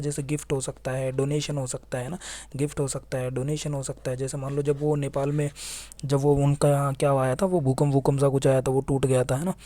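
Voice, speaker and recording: Chatty male teacher, mellow dry voice. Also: a little high, no echo. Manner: chatty, asks and answers his own questions, voices imagined students. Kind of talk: casual Hindi classroom lecture.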